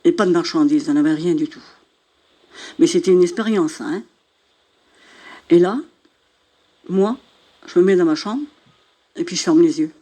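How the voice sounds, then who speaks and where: A woman's voice: on the low side, moderate pace, pauses often. An older woman from northern France gives a spoken religious testimony and acts out the dialogue as she tells it. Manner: animated storyteller, acting out dialogue. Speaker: church testimony speaker.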